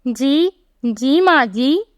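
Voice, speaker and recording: A timid young daughter-in-law from a storybook tale, voiced by a woman. She pleads softly in a high voice. The pace is very slow, and the recording is close and dry. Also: expressive, no echo, exaggerated voice. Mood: meek. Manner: meek, pleading.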